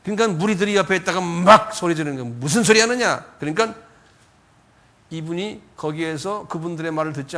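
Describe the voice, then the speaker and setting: A man's voice: on the high side, pushed and bright. A man preaching a Sunday sermon, speaking conversationally. He repeats and corrects himself often and raises his voice when acting out quoted pleas. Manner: frequent repetitions and self-corrections. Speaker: pastor.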